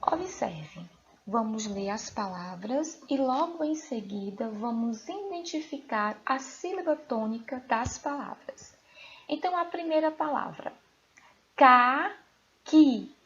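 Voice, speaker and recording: A woman with a Brazilian Portuguese accent, a teacher giving a recorded lesson to young pupils, asking them questions slowly and clearly. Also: on the high side, lively intonation, dull audio. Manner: slow, clear, questioning delivery to children. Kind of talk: recorded remote school lesson.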